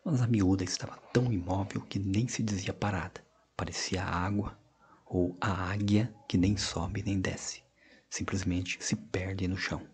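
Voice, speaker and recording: A man narrating an audiobook of short stories in a measured, expressive reading with hushed passages. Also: low-pitched, breathy edge. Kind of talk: scripted narration.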